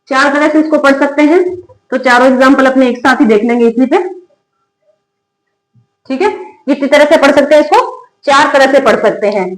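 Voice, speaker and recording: A woman teaching English phonics as a lesson. She asks questions and answers them herself, and repeats example words slowly. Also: sits high. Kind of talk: classroom-style phonics lesson. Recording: echoey room.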